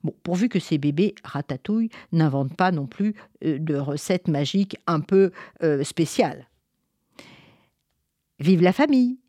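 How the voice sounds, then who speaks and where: A woman storyteller reading a children's tale aloud, expressive and playful, with chatty asides to listeners. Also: deep voice, measured pace, dry recording.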